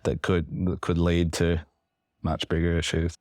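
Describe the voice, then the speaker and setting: A man's voice: completely flat delivery, measured pace, darkish tone, no echo, clean studio sound. A man co-hosting a casual podcast chat, rambling with fillers and restarts, a bit woozy from medication. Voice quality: very low, gravelly voice. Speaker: podcast co-host.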